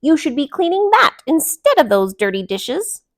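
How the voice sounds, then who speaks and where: A woman's voice: sits high, big pitch swings, moderate pace, pitched above the performer's own voice. A woman voicing a bossy, demanding female duck in a children's storybook, emphatic and commanding. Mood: indignant, bossy.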